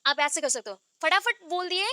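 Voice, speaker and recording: A woman's voice: very high voice, expressive, normal speed, sharp tone, dry recording. A woman teacher giving a class over a video call, explaining step by step and often checking whether the students follow. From India. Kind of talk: online class lecture.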